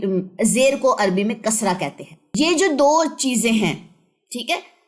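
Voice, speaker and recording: A woman teaching an online recitation lesson, patiently repeating examples slowly and mixing in English terms. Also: a little high. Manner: mixes English terms into her talk.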